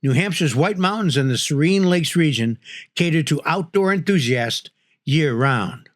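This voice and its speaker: A man from northern New England narrating a scripted guide to local culture, measured and explanatory, with playful asides. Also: a little high, lively intonation, no echo, studio quality.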